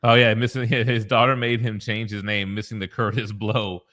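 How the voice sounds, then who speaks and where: A man in his thirties co-hosting a live stream, casually chatting and reading viewer comments aloud in a relaxed, joking way. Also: lowish voice, moderate pace. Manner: reads chat comments aloud, laid-back and joking. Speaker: co-host.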